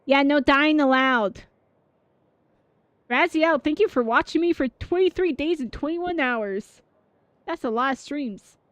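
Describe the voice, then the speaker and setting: A woman streamer chats loosely while playing, full of fillers and asides to her viewers. Her voice sits fairly high. Her talk stays casual and unscripted throughout. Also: measured pace, long pauses, a bit bright, no room sound. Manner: chatty and rambling, filler-heavy, reacting to chat. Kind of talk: casual gaming livestream chat.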